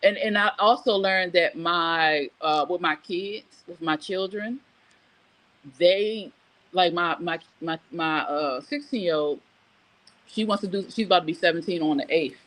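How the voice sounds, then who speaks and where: In a lowish, slightly bright voice, a middle-aged woman speaks unhurriedly over poor audio. She hosts a casual live morning show, where she gives frank, emphatic advice, reads what viewers write, and shares personal stories in a chatty way.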